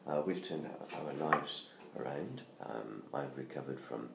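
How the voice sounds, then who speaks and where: This casual self-made promo features a middle-aged British man plugging his book in his living room near a Christmas tree. Laryngitis makes his rumbling low voice hoarse; he speaks expressively and unhurriedly, stumbling through ums and restarts. The close tablet-camera recording sounds roomy, with a faint noise floor.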